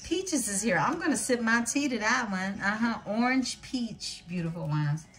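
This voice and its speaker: A woman giving a tarot reading, calling out names and signs in an unhurried way and calling her viewers beautiful ones. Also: fairly high pitch, lively intonation, fairly bright tone, faint music behind. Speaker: tarot reader.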